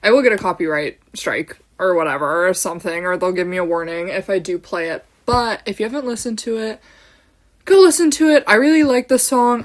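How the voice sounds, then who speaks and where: A young woman hosts her own podcast alone, talking straight to her camera in a loose, bubbly ramble. She fills her speech with "like" and "um" and wanders off on tangents with a giggle. Her voice sits at an ordinary middle pitch. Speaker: podcast host. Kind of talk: casual solo podcast chat.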